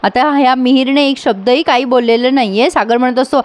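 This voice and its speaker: A woman's voice: high-pitched, fairly quick, no echo. A woman host giving a voice-over recap of a TV serial episode, retelling scenes and reading out the characters' lines.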